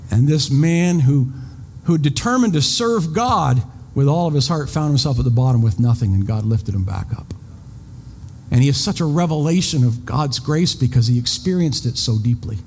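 A fifty-something pastor preaches conversationally, often repeating words and slipping in self-deprecating comments. His medium-pitched voice has lively intonation and a darkish tone, at a normal speed. Expect long reverb and faint background noise.

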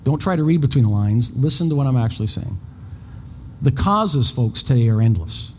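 Preaching in a chatty manner, a fifty-something pastor repeats himself often and makes self-deprecating remarks. His voice sits at medium pitch, sing-song and a little mellow, moving at a moderate pace. There's long reverb on the recording, with faint noise behind it.

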